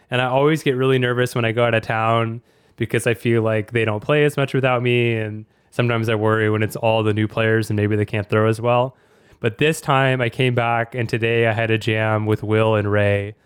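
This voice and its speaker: A man's voice: medium pitch, clear, resonant tone, no echo, studio quality. A man hosting a podcast in a casual, fluent, talkative way. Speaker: podcast host.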